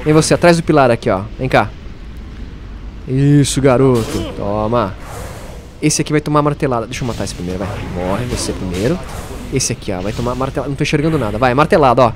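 A man's voice: medium pitch, fast, faint music behind. A man giving casual gameplay commentary, playfully taunting enemies and laughing often. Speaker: let's play host.

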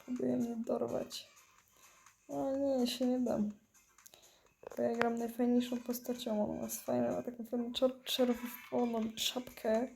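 A stoned woman, high on weed, giving dazed, giggly, foul-mouthed rambling commentary while gaming. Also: little pitch movement, a little slow, vocal fry, dark tone, a little hiss or hum. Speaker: mobile game player. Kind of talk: casual gameplay commentary.

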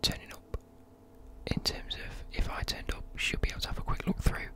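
A young adult with a British accent giving a whispered, informal ASMR chat, with soft mouth sounds. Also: fairly quick. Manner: whispering throughout. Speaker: ASMR creator, university student. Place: indoors at a desk. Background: occasional tapping and desk creaks.

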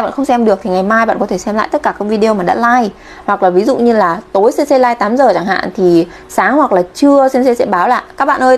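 Chatty Vietnamese teacher on a livestream. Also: female voice, fairly high pitch. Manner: chatty, keeps checking in with viewers. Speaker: Japanese teacher. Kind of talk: live-streamed kanji lesson.

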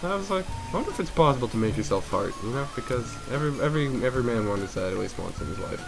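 A young man co-hosting a let's play, chatting casually, loud and excitable and often laughing. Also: medium pitch, rapid-fire, creaky, poor audio. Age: young adult. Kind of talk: casual gaming chat. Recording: music playing behind. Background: game music.

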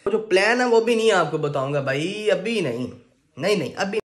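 A young man with a high, breathy-edged voice vlogs into his phone camera held at arm's length while in a shopping mall. He talks a little fast and sounds animated, chatting casually to the camera with jokes and a touch of boasting.

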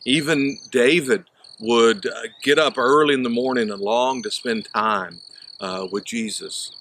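A man's voice: medium pitch, unhurried, a bit bright, slight background noise. A man in his fifties, a pastor from southern Illinois, giving a conversational sunrise sermon in an open field, with frequent "uh" fillers. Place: open field outdoors at dawn. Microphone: camera at chest framing, unseen mic. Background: faint birds and insects.

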